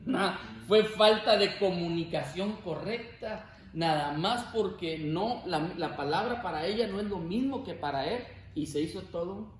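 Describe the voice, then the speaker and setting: A man teaching a Bible class, lively and joking, often asking the class questions. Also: high voice. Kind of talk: classroom lecture. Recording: echoey classroom, faint room noise.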